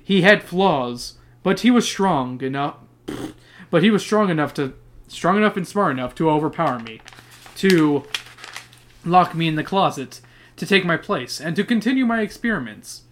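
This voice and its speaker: A podcast host reading the lines of an earnest, sheepish father scientist slowly and with mock gravity. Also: medium pitch, animated, a little hiss or hum, close to an everyday voice. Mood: grave. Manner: slow, earnest, dramatic delivery with mock gravity.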